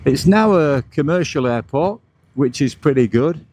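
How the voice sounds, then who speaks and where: A man's voice: fairly high pitch, expressive, a little slow, a little mellow. A man giving casual, chatty motovlog commentary like a tour guide while riding outdoors, with vehicle and wind noise around him. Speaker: motorcycle vlogger and host. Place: outdoors, riding a motorbike along roads.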